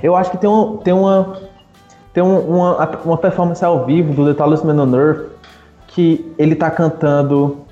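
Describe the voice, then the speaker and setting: A man with a mellow, slightly high voice chats casually about concerts, full of easy slang. His sound is roomy and a bit dull, like a home call mic, with faint music behind. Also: normal speed. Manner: relaxed, slangy, enthusiastic. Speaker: podcast co-host. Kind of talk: casual chat. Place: remote video call.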